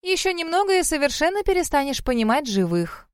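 Женщина озвучивает игривую семихвостую лисицу-духа из аудиокниги, которая дразнит и смеётся. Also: female voice, high voice, big pitch swings, brisk, dry recording, studio quality, pitched above the performer's own voice. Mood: mocking. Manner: teasing, laughing, mocking. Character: playful seven-tailed female fox spirit. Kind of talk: audiobook reading.

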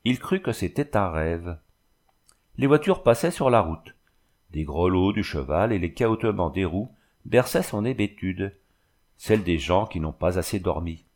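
A man reading a novel aloud in a measured, even storytelling manner. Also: low voice. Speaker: reader. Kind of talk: audiobook narration.

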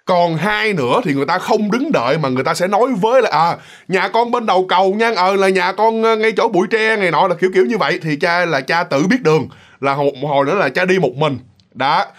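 A man's voice: on the high side, fairly bright tone. A man telling a ghost story in a chatty, casual way, full of fillers and restarts. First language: Vietnamese.

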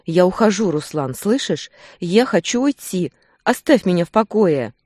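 The reader voicing a young female she-wolf, frightened and furious, who shouts through tears in a romance audiobook. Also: mid-range voice, lively intonation, moderate pace, no room sound, clean studio sound, voice pushed up, close to an everyday voice. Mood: shouting angrily. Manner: shouting, tearful outbursts.

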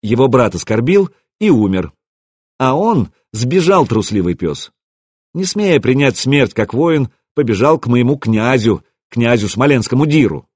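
Man voicing a composed fighter, flat-toned replies, husky, dry. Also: mid-range voice, a little slow, dry recording. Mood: calm. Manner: calm, matter-of-fact. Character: calm cool-headed male warrior.

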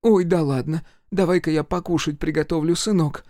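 A man's voice: a little high, fairly even intonation, moderate pace, mellow, no room sound, studio quality, pitched above the performer's own voice, natural voice. A man voicing a frightened peasant mother who pleads in folksy rural dialect, in an audiobook. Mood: fussing. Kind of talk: audiobook character voice.

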